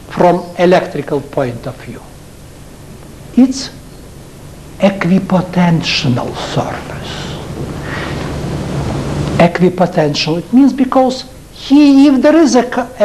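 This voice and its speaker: An older man with a Russian accent giving a university lecture, speaking in halting English and asking his students rhetorical questions. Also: very high-pitched, darkish tone, low-quality recording. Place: lecture hall.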